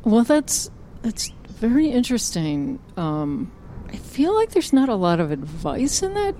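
A woman's voice: fairly high pitch, big pitch swings, measured pace, mellow, slight background noise. A woman voicing a self-important crow sage in an improvised comedy role-play, talking in rambling, stammering bursts. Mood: pompous. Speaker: player voicing a character.

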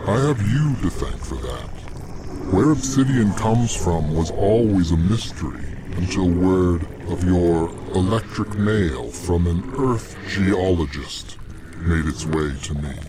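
Menacing, pompous wizard tyrant for audio comedy, male actor, low register, cold and deliberate, clear noise behind. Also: expressive. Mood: measured, ominous. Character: cold, calculating male Dark Lord wizard, menacing villain. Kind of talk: fantasy audio comedy acting. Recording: clear background noise under the voice.

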